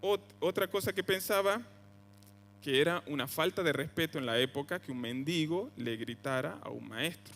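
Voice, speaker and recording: A young Argentine preacher speaks in a fairly high voice, talking through his sermon like a conversation and leaping higher when he quotes a cry. The sound carries a long church-hall reverb, with a faint hum underneath. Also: normal speed, a bit bright. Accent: Argentine Spanish (voseo). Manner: conversational preaching, rises sharply on quoted cries.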